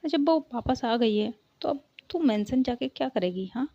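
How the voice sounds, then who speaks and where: A woman's voice: fairly high pitch, animated, moderate pace, mellow, no echo, voice pushed up. A woman voicing a stern, suspicious middle-aged mother who scolds her daughter, in a storybook reading. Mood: scolding. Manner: scolding, curt. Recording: dull lo-fi recording.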